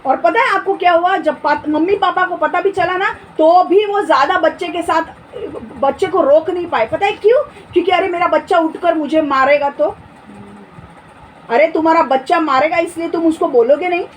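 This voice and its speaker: A woman with a high voice preaches a forceful sermon, firing off rhetorical questions and scolding her listeners. Faint background noise sits under her speech. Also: normal speed, poor audio.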